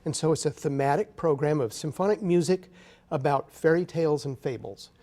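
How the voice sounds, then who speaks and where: Fairly quick and mellow, this man's voice leans high. He's a conductor being interviewed live in a TV studio, eagerly explaining things as the guest.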